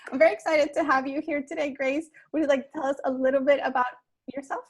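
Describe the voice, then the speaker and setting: Chatty high-voiced woman host. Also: fairly even intonation, quick pace. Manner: friendly, chatty, a little distracted. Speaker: webinar host. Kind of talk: online webinar hosting.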